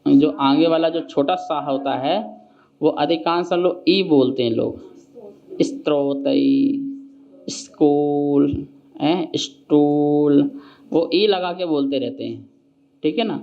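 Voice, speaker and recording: A man teaching the pronunciation of a devotional hymn, drilling each syllable slowly, explaining quickly in between and chanting the verses in a sung melody. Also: fairly high pitch, dull audio. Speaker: Jain monk teaching recitation.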